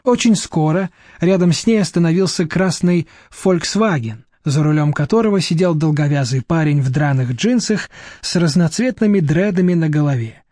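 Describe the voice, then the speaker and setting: Dark-voiced male audiobook narrator. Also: a little high, moderate pace, dry recording, studio quality. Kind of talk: scripted narration.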